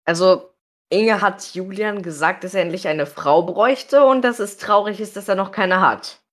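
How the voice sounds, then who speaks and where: A woman reading the part of a calm male colleague who soothes a quarrel. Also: mid-range voice, normal speed, lightly acted. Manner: soothing, mildly teasing.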